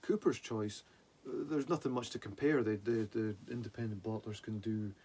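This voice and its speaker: A man's voice: fairly low pitch, moderate pace, a little mellow. A man co-hosting a casual, boozy whisky chat, rambling and often losing his thread. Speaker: podcast co-host. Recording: clear background noise.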